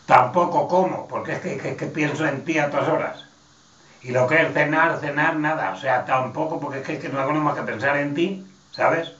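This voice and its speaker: A rambling, lovesick young suitor, as a man reads him in a joke, pleading in a soft, everyday voice. The sound is roomy and dull, coming from some distance. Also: fairly high pitch, a little fast, natural voice. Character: lovesick young male suitor writing a letter.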